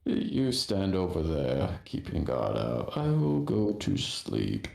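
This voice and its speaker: A wary, wry adventurer, played by a man, low and creaky, musing his way slowly through a tabletop scene. The sound is roomy and echoing. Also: huge pitch swings, a little mellow, exaggerated voice. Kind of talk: tabletop role-play.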